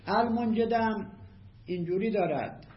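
A man teaching a class on a classical text, reading passages aloud and then explaining them word by word in a measured way. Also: high voice. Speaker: teacher of Arabic rhetoric. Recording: echoey room, slightly dull lo-fi audio.

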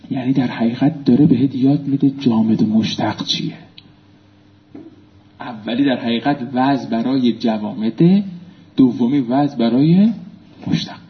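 A male teacher giving a lecture in a classroom. He quizzes his students and drills them in call-and-response, swinging between loud prompts and low asides. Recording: echoey room, muffled lo-fi sound.

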